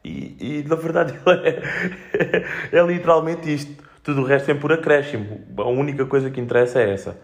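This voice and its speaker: A man's voice: medium pitch, normal speed. A young man with a European Portuguese accent, chatting casually on his own in a slangy, sweary, joking way, telling rambling anecdotes as a podcast host.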